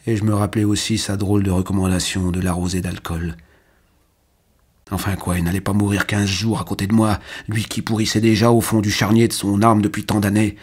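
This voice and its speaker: In a measured, quietly emotional way, a man reads a literary novel aloud as its first-person audiobook narrator. His voice is on the low side, fairly flat in pitch, with a breathy edge.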